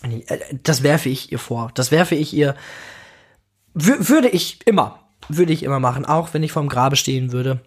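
A man's voice: a little high, animated, moderate pace. A man hosting a casual podcast monologue, outspoken and emotional, swearing freely and now and then dropping in English exclamations. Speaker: podcast host.

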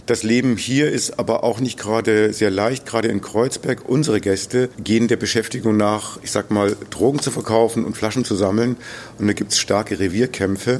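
A man explaining his work in an interview, a little halting as he searches for words. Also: on the low side, steady tone, a little hiss or hum. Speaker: interviewee, homeless aid volunteer.

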